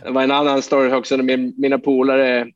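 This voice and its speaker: A man's voice: mid-range voice, completely flat delivery, no echo, highs cut off. A man from Sweden, a hockey player guest, telling a long anecdote in a loose, rambling way with lots of fillers and casual swearing.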